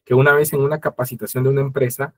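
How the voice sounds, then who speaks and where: Fast-talking husky man teaching a webinar. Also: medium pitch, little pitch movement. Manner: explanatory, addresses the audience directly and acts out quoted dialogue. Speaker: webinar presenter. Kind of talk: instructional webinar talk.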